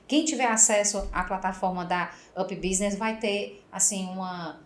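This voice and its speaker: A woman's voice: mid-range voice, normal speed. Effusive woman podcast host, roomy echo. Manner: warm, effusive thanks, frequent "né?" tags. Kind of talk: casual interview chat.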